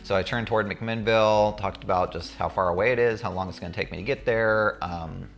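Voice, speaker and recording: A student pilot with a low, deep voice tells the story of his checkride in a casual, candid way, chatting as if to viewers. He talks briskly with fairly even intonation, while faint music plays behind him.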